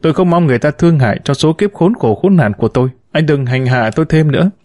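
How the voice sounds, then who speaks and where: A man's voice: on the high side, expressive, fast talker, no room sound, natural voice. A man voicing a bitter, wounded middle-aged mother who reproaches and laments to her son in an audiobook story. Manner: reproachful, lamenting, sharp-tongued.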